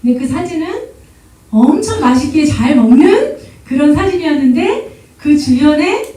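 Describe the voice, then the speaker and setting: Her voice is high yet mellow as she speaks at normal speed as a guest lecturer at a church seminar, animatedly storytelling, laughing often and performing quoted exchanges. The mic is far off in a very reverberant hall, with slight hiss or hum.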